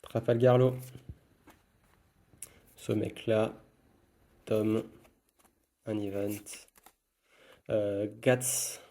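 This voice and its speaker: A man's voice: fairly low pitch, steady tone, extremely slow, long pauses, warm tone. A man giving casual running commentary while opening trading card packs, murmuring card names one after another.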